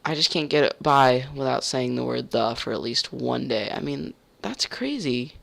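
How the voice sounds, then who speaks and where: A man's voice: mid-range voice, expressive, moderate pace, gravelly, a bit bright. A young man telling a heated story in a casual rant, swearing and stumbling over restarts.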